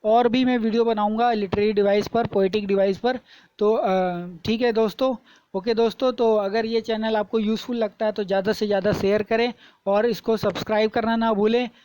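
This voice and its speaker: A woman teaching a lesson, explaining terms patiently, repeating points and reading examples slowly and deliberately. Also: on the high side, steady tone, warm tone, smooth, no echo, poor audio.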